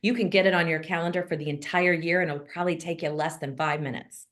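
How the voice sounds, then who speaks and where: A woman with a low voice hosts a relaxed online members' call. She talks in a chatty, upbeat way, says things straight, and fills her pauses with ums. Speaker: host of a monthly call for notaries. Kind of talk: casual video-call chat.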